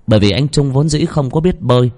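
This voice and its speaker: A man narrating a ghost story with dramatic, expressive delivery. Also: medium pitch, fairly quick.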